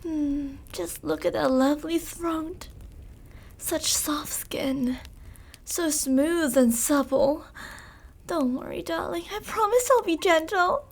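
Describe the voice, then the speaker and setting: In an intimate ASMR roleplay, an ancient female vampire speaks in an extremely high, heavily acted voice with vocal fry, drawing out her words. Seductive, hungry, possessive and cruel, she gives slow, coaxing, controlling commands that trail into whispers.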